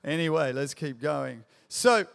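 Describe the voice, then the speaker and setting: With an animated yet unhurried delivery, a forties-aged pastor preaches to a big church crowd in a high, bright voice that is both gravelly and smooth. Self-mocking humor runs through his story as he builds toward punchy questions, echoing in a long hall reverb.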